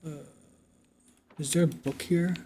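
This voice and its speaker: Higher-voiced man chatting on a game stream. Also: fairly even intonation, takes it slowly, dark tone. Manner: thinks aloud, conversational. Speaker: livestreamer. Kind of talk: casual livestream chat while playing a game. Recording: game music behind the voice. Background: video game music.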